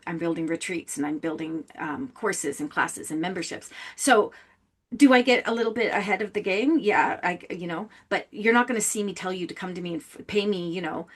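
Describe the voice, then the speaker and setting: A middle-aged woman from Canada, a guest medium on a podcast interview, telling stories animatedly and acting out other people's voices. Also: lowish voice. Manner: animated storyteller, acts out quoted voices.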